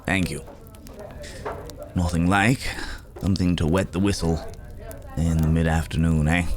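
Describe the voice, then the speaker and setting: In an intimate fantasy ASMR roleplay, a man voices a weary but courteous werewolf traveler, musing haltingly and humming softly. His low-pitched voice stays steady, and the mood is wry and easygoing.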